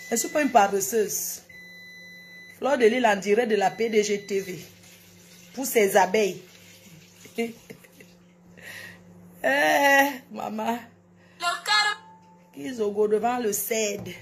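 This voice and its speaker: Woman hosting a casual morning phone live stream, soft-spoken and chatty, faint hum behind. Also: mid-range voice, moderate pace, long pauses. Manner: chatty, greets viewers affectionately; speaks softly in the morning.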